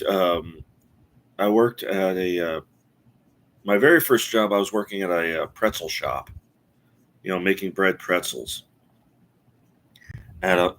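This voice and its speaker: A man in his forties chatting casually on a live stream, rambling and halting with many fillers and restarts. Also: deep voice, fairly bright tone. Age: 40s. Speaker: streamer host.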